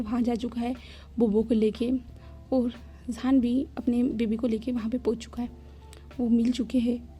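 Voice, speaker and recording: A woman's voice: a little high, mellow. A woman casually retelling a fanfiction story, rambling along with frequent fillers.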